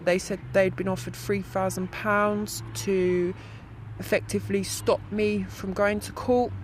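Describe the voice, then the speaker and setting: Young woman, electronically disguised voice, anonymous witness, measured earnest testimony, faint background noise. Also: mid-range voice, level tone. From South London. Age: young adult. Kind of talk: interview testimony.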